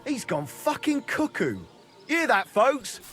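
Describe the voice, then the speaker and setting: A boozy, crude troubadour who loves ale and a dirty ditty. His voice rides high and bounces wildly, loud and mocking. Game cutscene acting. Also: sing-song, slow, faint music behind, heavily acted. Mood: rowdy. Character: bawdy, boozy male troubadour, crude and cheerful.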